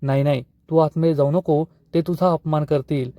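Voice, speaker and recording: A man playing an angry young man who shouts threats while protecting his sister. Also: a little high, fairly even intonation, normal speed, no room sound, dull audio, natural voice. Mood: worried.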